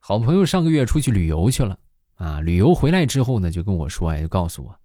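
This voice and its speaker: A man telling stand-up jokes in a deadpan, folksy way. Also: deep voice, fast talker, soft background music. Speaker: comedian.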